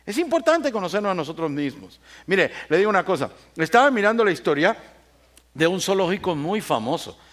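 A man's voice: sits high, a little fast. A man preaching a sermon, telling stories and often asking the congregation for assent. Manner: animated storyteller, asks the congregation for assent. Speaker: pastor.

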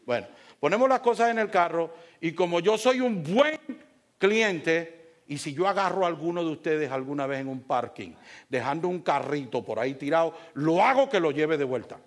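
A man preaching as a pastor, telling a humorous story in an animated way, acting out the dialogue and talking straight to his congregation. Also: a little high, moderate pace. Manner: animated, acts out dialogue, talks directly to congregation.

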